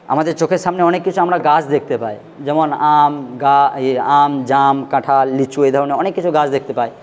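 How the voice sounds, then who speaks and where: A man's voice: fairly high pitch, a little mellow. Man teaching Quran letter pronunciation. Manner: drawn-out sung letter sounds, repeated for learners; patient step-by-step instructing.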